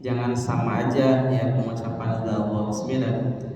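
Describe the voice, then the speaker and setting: A man's voice: medium pitch, little pitch movement, moderate pace, crowd noise. A man teaching Quran recitation rules, asking his class questions. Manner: asks the class questions, mixes in Sundanese words. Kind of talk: informal tajwid lesson. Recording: echoey hall, voice far from mic.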